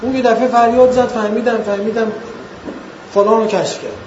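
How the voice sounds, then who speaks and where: A man lecturing students in an earnest way, asking rhetorical questions and slowing down to stress points. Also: very high-pitched, fairly even intonation, a little mellow, slight background noise. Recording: echoey, dull lo-fi room recording.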